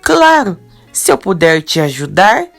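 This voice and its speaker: A woman reading the lines of a calm, helpful young man from a soap opera recap, at an unhurried pace. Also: fairly low pitch, vocal fry, faint music behind, exaggerated voice. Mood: reassuring.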